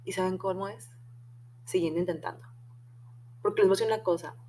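A young woman with a Mexican accent hosts her podcast, telling a personal story in a chatty, slangy monologue with the occasional curse. Her mid-range voice is warm and a little quick, with slight background noise.

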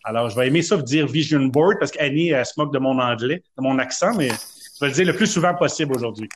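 A man's voice: mid-range voice, quick pace, a little hiss or hum. A man with a Québécois French accent co-hosting a podcast, talking casually and telling stories with a self-mocking humor. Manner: chatty, self-mocking, storytelling. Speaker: podcast co-host. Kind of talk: casual chat.

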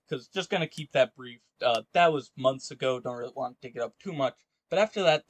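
A podcast host chats and comments casually, joking around in an irreverent, slangy way. His voice is mid-range, with no room sound in the recording.

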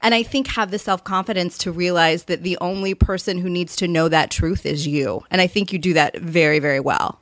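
A woman's voice: lowish voice, fairly quick, few pauses, a bit bright, dry recording. A woman hosting a podcast interview, asking questions in a friendly, encouraging way. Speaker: podcast host.

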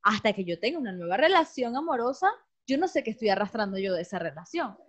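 A woman's voice: on the high side, big pitch swings, fast. A woman in a casual podcast chat, reflecting candidly and telling stories with animation. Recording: dull lo-fi recording.

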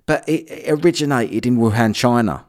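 A man's voice: mid-range voice, moderate pace. A man hosting a solo podcast, ranting bluntly about the news with frequent swearing. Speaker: podcast host. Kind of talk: casual solo commentary.

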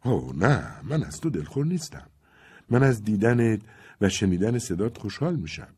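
Storybook role: shy seventeen-year-old village girl, hushed and gentle, read by a male narrator. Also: on the low side, very animated, breathy edge, exaggerated voice. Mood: tender. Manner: soft, hushed speech.

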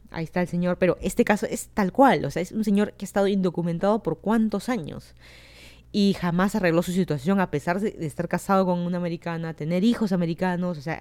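This podcast host, a woman from Peru with a Peruvian Spanish accent, records at home in Miami. Her lowish voice is warm and clean as she delivers casual solo commentary that rambles, offers strong opinions, and wanders into many asides.

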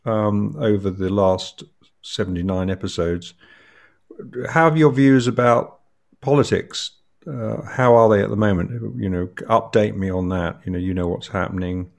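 A man's voice: lowish voice, normal speed, creaky. An older man co-hosting a podcast, talking hesitantly with many fillers. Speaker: podcast co-host. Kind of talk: casual podcast chat.

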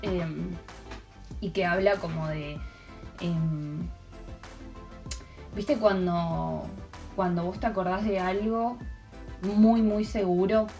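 Young adult woman, Argentine accent, lowish voice, meandering casual storyteller, faint music bed. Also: steady tone, slow pace, pauses often, mellow. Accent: Argentine Spanish. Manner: rambling storyteller with many fillers. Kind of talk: casual chat.

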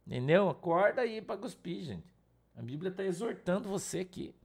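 A pastor from Brazil preaching an informal sermon, blunt and scolding, full of slang. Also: male voice, high-pitched, expressive, moderate pace, vocal fry, darkish tone, breathy edge. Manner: blunt, scolding, slangy, mimics whiny congregants.

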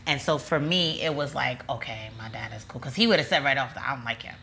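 A young adult woman telling a personal story in casual chat, animated and acting out quoted voices with lots of "like". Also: rumbling low, quick pace, creaky. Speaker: storyteller recounting her courtship.

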